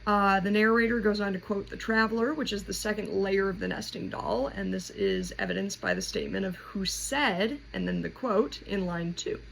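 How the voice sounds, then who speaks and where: A woman with a medium-pitched, fairly bright voice hosts a poetry explainer, chatting informally and thinking aloud in a casual lesson. Her intonation is lively, her pace moderate with hardly any pauses, and the home recording is clearly noisy.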